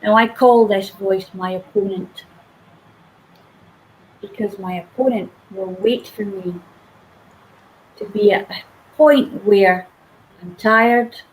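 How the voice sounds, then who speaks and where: A woman's voice: medium pitch, steady tone, slow pace, long pauses, a little hiss or hum, rough recording. A woman speaking earnestly and emphatically in a motivational conversation, sometimes acting out the inner voices she describes. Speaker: guest speaker.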